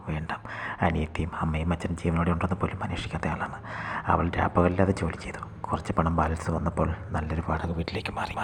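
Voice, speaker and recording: A man narrating a scripted short story in a soft, half-whispered delivery. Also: deep voice, slight background noise.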